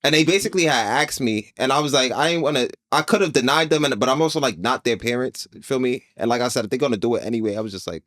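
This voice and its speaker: Podcast co-host, young New York man, lively pitch, slangy and rambling, dry close sound. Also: fast talker, hardly any pauses, dry recording. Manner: rambling storyteller, slangy, laid-back. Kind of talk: casual chat.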